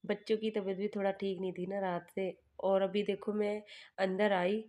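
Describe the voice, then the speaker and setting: Chatty mom vlogger from Uttarakhand. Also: female voice, medium pitch, little pitch movement, moderate pace, warm tone. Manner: chatty, homely storytelling that speaks to viewers as "guys". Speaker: family vlogger and mother. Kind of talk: casual vlog narration.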